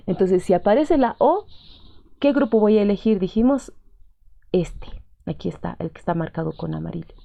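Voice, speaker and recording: Peruvian lady teacher going over a lesson, gravelly low voice, keeps asking "ya?", kinda dull lo-fi audio. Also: animated, normal speed, dark tone, no echo. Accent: Peruvian Spanish. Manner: patient, repeats points, checks in with short questions. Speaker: language teacher. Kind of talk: explaining a lesson step by step.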